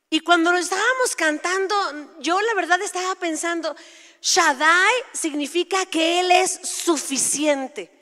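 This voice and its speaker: A woman in her forties gives a sermon in a lively, conversational manner, breaking into playful asides and correcting herself on the fly. Her voice sits high, and it rings out with a long hall reverb. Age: 40s. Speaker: preacher.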